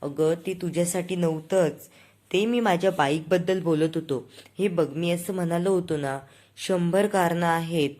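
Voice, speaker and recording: A woman's voice: on the low side, moderate pace, a little mellow, natural voice. A woman voicing an affectionate young husband who coaxes and teases his wife, in a coaxing, teasing manner, in a spoken storybook retelling.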